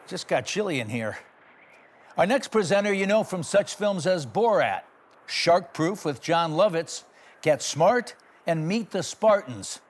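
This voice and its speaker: A man's voice: high voice, very animated, unhurried. A man hosting an awards show, giving comedic scripted links in a playful, jokey way.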